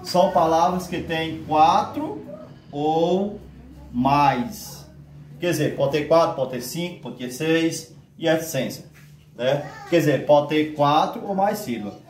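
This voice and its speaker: A man teaching a grammar lesson. He speaks slowly, asks the class questions and stretches words out syllable by syllable. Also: a little high, distant mic, a little hiss or hum. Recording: echoey room, voice from off mic.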